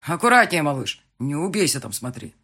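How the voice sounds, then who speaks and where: A man voicing an oblivious young fiancé in an audiobook, calling loudly through a door with a husky voice. The pitch climbs and swings as he calls out with worried insistence. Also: very animated, brisk, heavily acted. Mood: concerned. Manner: loud, calling from behind a door. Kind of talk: audiobook dialogue reading.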